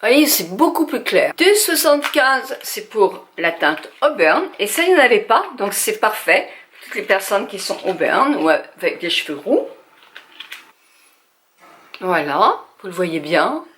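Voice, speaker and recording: A woman's voice: mid-range voice, sing-song, a little slow, fairly bright tone, slight background noise. Chatty older woman doing a makeup tutorial. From France. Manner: chatty, hesitant, addresses viewers directly. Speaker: beauty vlogger. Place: at home.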